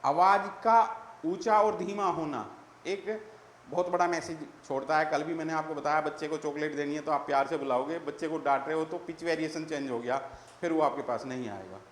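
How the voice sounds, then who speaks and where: A man's voice: on the high side, fairly quick, roomy sound, slight background noise. A male teacher giving an exam-prep lecture, calling his students "beta" and repeating the key terms.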